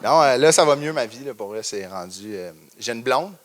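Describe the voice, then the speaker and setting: A man's voice: mid-range voice, expressive, moderate pace. A young man with a Québécois accent doing a stand-up comedy set on stage, self-mocking and chuckling between lines as he acts out little scenes. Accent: Québécois French.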